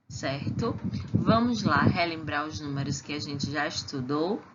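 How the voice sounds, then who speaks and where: A woman teaching a recorded lesson for preschool children, patient and clear, saying each word twice. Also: deep voice. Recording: dull lo-fi recording with clear background noise.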